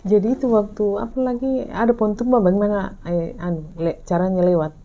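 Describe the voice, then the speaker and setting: A woman listening in casual chat, asking short, quiet questions. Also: mid-range voice, steady tone, brisk.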